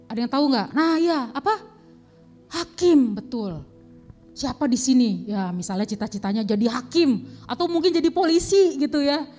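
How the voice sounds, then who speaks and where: A woman's voice: sits high, moderate pace, soft background music. A young woman teaching an online Sunday school lesson, telling a Bible story to children and acting out the characters with gasps and exclamations. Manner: animated, acts out characters' lines with gasps and exclamations.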